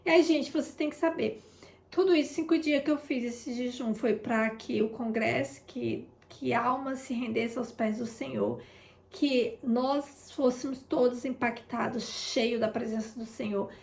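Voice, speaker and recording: A woman shares an informal testimony of faith, speaking in a fairly high voice with a gravelly, fry-touched edge. She keeps talking straight to her listeners, and the sound carries a roomy echo. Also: unhurried, a little mellow. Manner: chatty, keeps addressing listeners, re-enacts conversations. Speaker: intercessor sharing a testimony. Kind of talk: informal testimony in a prayer broadcast.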